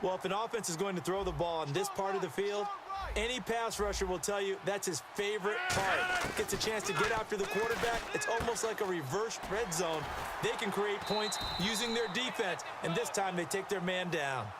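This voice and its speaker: A man's voice: high voice, expressive, normal speed. A man with an American accent playing a football color commentator in a video game, explaining plays in a folksy way. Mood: analytical. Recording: loud game noise behind voice.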